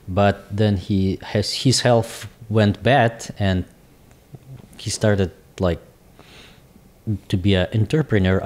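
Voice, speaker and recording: Russian guy in his 40s, slow careful english, kinda low voice, guest on a podcast. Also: a little mellow. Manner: halting, searching for English words. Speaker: guest, business owner. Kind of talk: casual interview talk.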